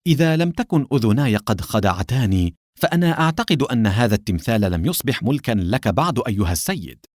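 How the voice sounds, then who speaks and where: A man playing a smug, sly gentleman. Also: mid-range voice, animated, quick pace, no echo, studio quality, lightly acted. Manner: smooth, smug, coldly polite. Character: smug, sly older male collector and official.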